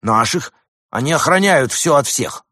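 A man's voice: medium pitch, animated, measured pace, pushed and bright, no room sound, studio quality, pitched above the performer's own voice. A man voicing a pompous wolf trader who poses as a great demon wizard and pushes souvenirs. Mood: boastful. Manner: boastful, fussy, pushy salesman.

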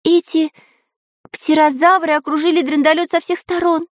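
A woman voicing Karandash, a fussy boyish pencil character, in a very high squeaky voice for a storybook reading. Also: flat delivery, moderate pace, dry recording, clean studio sound. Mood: suspicious.

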